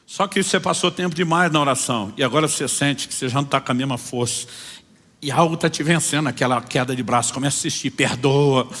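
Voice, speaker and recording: Pastor preaching in a reverberant hall. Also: male voice, mid-range voice, fast talker. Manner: storytelling with acted-out dialogue, swings loud and soft. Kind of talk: sermon.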